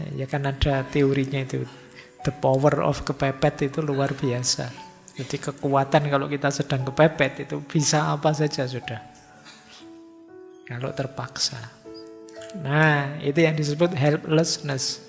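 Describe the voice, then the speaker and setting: A middle-aged man giving an informal philosophy study lecture, telling lively stories with acted quotes. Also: medium pitch, unhurried, vocal fry, long pauses. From Indonesia. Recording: music under long hall reverb.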